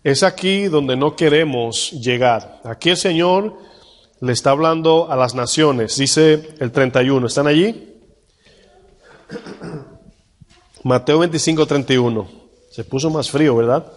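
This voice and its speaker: Male pastor preaching, keeps asking the congregation questions, slightly high voice, long church hall echo. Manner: asks the congregation questions, reads scripture slowly. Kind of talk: sermon.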